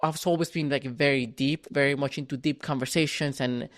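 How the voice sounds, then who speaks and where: This Venezuelan podcast guest, a native Spanish speaker, reflects casually on his own story. His mid-range voice is a bit bright with fairly even intonation, he talks briskly, and he often restarts or repeats words.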